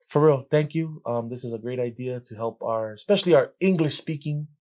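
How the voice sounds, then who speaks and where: Warm, gracious man from Tonga. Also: medium pitch, brisk. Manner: warm, grateful, laughs easily. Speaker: podcast co-host. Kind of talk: casual podcast chat.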